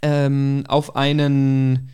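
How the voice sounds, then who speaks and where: A man's voice: medium pitch, completely flat delivery, very slow, warm tone, clear, resonant tone. A man chatting casually as a podcast host, hedging carefully as he makes his points.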